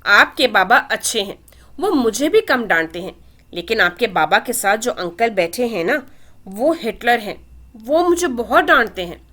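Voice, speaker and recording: Young guy pilot, teasing and sweet, read by a woman, bright lively voice. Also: on the high side, moderate pace. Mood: playful. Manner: teasing, affectionate. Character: playful young male air force pilot.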